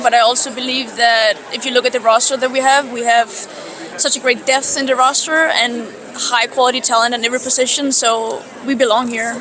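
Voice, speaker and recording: Woman soccer player, measured careful answers, crowd noise behind. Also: fairly high pitch, low-quality recording. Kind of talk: media day interview answers.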